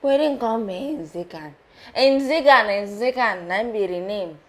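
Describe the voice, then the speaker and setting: A woman's voice: mid-range voice, animated, normal speed, darkish tone, close to an everyday voice. Actress playing a sassy Pidgin-speaking shopgirl. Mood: coy. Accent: Nigerian Pidgin. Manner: teasing, sassy banter in Pidgin. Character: sassy young woman shop worker. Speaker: shop worker. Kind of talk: Nollywood film acting.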